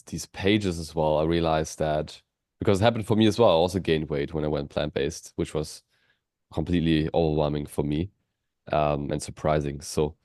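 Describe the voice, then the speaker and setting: A man's voice: rumbling low, a little mellow, no echo, studio quality. A man hosting an interview as a coach, friendly and restarting his words often with many fillers. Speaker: host, vegan fitness coach.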